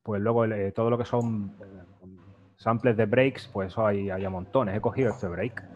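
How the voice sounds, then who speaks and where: A man casually walking through his music software setup, explaining step by step, with frequent fillers and restarts. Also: lowish voice, fairly even intonation, normal speed, lo-fi sound. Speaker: guest music producer. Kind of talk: casual demo walkthrough.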